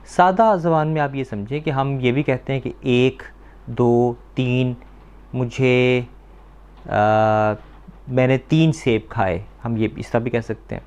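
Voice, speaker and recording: A man teaching a language class for children, patiently repeating words slowly and quizzing the class on answers. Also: medium pitch, steady tone, a little mellow, clear, resonant tone. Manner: asks the class questions and confirms answers.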